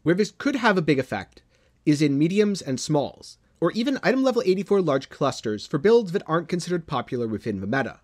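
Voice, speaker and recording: A man hosting a gaming channel, giving scripted news commentary in a measured way, dropping low and dramatic at the ends of phrases. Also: sing-song, darkish tone. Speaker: gaming video host.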